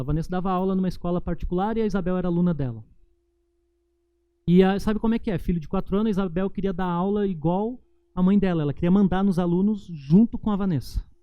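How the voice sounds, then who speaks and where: A man with a Brazilian Portuguese accent, a pastor preaching a sermon and slowing down for emphatic points. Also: sits high, smooth, dry recording, muffled recording. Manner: preaching with emphatic, slowed climaxes.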